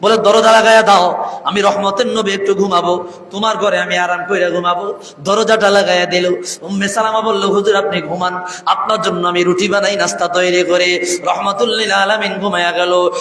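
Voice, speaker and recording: A man's voice: high voice, bright, forceful tone. A man preaching a fervent sermon, chanting and sing-song, calling out to the crowd over a PA system. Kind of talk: Bengali waz sermon. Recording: echoey PA sound with long reverb.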